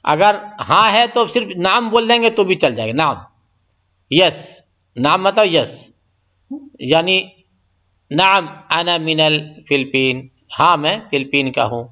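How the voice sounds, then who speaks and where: A man teaching an Arabic lesson, explaining each phrase and then repeating and translating it slowly. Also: high voice, lively intonation, bright, forceful tone. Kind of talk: classroom-style language lesson. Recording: dull lo-fi recording.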